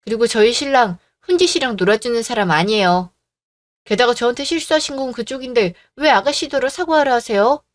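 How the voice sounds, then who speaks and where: A woman voicing a calm, assertive young wife who answers politely but firmly, in a radio drama. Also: a little high, brisk, no room sound, clean studio sound, close to an everyday voice. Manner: cool, firm, polite.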